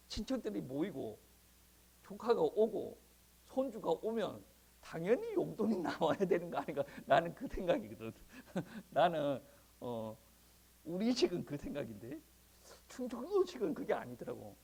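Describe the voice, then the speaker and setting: A male pastor preaching a sermon in a conversational, animated way, often chuckling. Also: sits high, a little slow, gravelly, slightly rough. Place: church.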